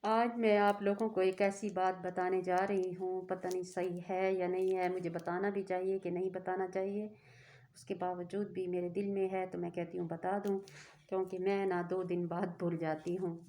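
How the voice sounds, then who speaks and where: A woman's voice: lowish voice, little pitch movement, moderate pace, dark tone. A woman telling a personal story in a rambling, earnest way that keeps interrupting itself. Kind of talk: casual storytelling to camera.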